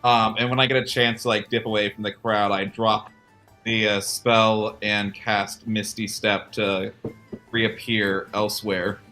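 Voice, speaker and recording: A man's voice: fairly low pitch, unhurried, faint music behind. A man playing a tabletop game, casually describing what his character does. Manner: relaxed, describing actions. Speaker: player.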